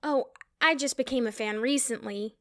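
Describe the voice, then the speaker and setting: Woman voicing a flustered young heroine, high voice, slow speech, dry close sound. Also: fairly bright tone, no echo. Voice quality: giggly, flustered. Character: nervous young woman hero, secretly scheming. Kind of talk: audio drama acting.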